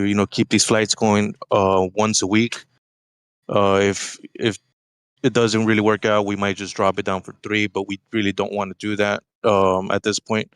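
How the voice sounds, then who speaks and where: A man co-hosting a live stream who speaks hesitantly, with many ums, in an even tone. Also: on the low side, clear, resonant tone, no room sound. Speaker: co-host of the stream. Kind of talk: casual live-stream talk.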